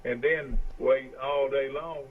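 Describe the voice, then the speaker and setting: A man calling into a radio chat show on speakerphone, his voice thin and tinny with no bass, chatting in a relaxed, rambling way. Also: takes it slowly, over a noisy crowd. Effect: thin tinny speakerphone sound with no bass. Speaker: regular caller reporting from the beach. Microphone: phone held away on speakerphone. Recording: distant, tinny phone line with faint hiss.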